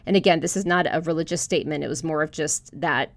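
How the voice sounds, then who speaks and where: A Florida woman hosting a podcast interview earnestly tells a personal story before putting a question to her guest. Her voice sits low and she talks fast, with no echo on the recording.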